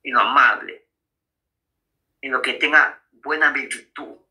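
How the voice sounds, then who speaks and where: Bright-voiced man preaching a sermon. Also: mid-range voice, slow, poor audio. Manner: frequent tag questions to listeners; addresses listeners as brothers. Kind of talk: sermon on marriage.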